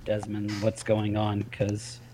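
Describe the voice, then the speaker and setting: A man's voice: on the low side, completely flat delivery, slow, mellow, slight background noise, poor audio. A man playing a tabletop game, thinking aloud with fillers. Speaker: player. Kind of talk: casual tabletop play.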